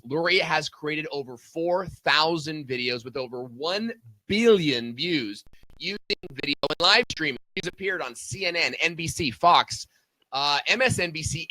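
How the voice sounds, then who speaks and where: Bright-voiced male show host. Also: fairly high pitch, no echo. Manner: friendly, conversational with fillers. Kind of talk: casual business talk show.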